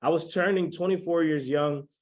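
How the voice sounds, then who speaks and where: Fairly high-pitched and at a normal speed, a man from the Dominican Republic in his 20s leads a motivational video-call webinar. He sounds hyped and repeatedly checks in with listeners to keep them involved.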